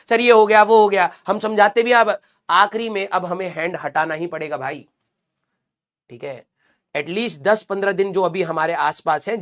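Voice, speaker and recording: A man teaching exam students, giving a motivational talk in a blunt, scolding yet affectionate way, often checking in with "clear?" and "theek hai", mixing in English. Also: sits high, a bit bright.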